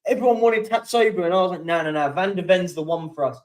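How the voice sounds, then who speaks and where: A man's voice: high-pitched, fast talker, darkish tone, recorded from a distance, rough recording. A young man hosting a casual live-stream chat, reading out viewer comments and yawning now and then. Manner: chatty, keeps yawning and apologising.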